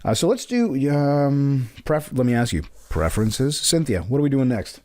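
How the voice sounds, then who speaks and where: Male host, lively swinging pitch, dry close sound, playful and rambling in casual chat. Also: moderate pace, no room sound. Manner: lively, jokey, rambling with restarts. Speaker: podcast host.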